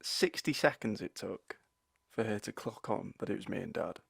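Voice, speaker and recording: Young male podcast co-host, gravelly voice, wry and laughing, dry close mic. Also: lowish voice, lively intonation, normal speed, dry recording. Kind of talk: casual storytelling chat.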